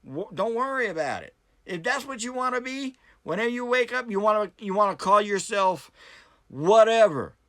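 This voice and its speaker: Speaking off the cuff to viewers, this American man, a political commentator on video who also hosts debates, hammers home his opinions bluntly, circling back to points and firing off rhetorical questions. He has a high, sharp voice with lively intonation at a moderate pace, with no room sound.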